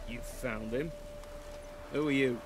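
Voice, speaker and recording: A man's voice: medium pitch, slow pace, noisy background, lightly acted. An actor playing a world-weary middle-aged male soldier in a video game, speaking plainly. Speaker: guard.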